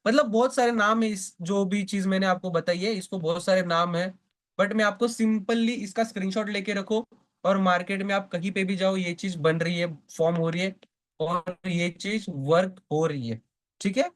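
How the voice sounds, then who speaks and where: High-voiced man teaching a trading class. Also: fairly even intonation, moderate pace. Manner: asks the class questions and answers them himself; often checks in with "ठीक है?" and "है ना?". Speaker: stock market trading teacher. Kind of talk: live online class.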